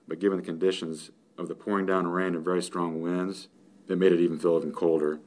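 Male police investigator, interview: procedural, factual, monotone, on the low side. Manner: formal, procedural police phrasing. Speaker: sheriff's investigator being interviewed.

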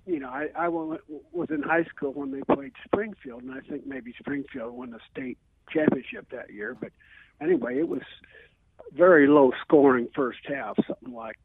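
Calling in by telephone, an older American man and former teacher reminisces in a rambling way, leaning on "you know" and other fillers. His creaky voice sits on the high side with large pitch swings and normal speed, and the narrowband line sounds tinny.

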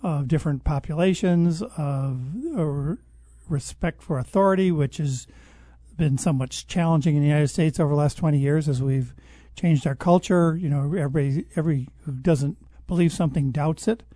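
A man speaking as a guest expert in a conversational interview, explaining at length in a measured way and often restarting his sentences. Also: fairly high pitch, dark tone, dry recording. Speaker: guest expert on public health.

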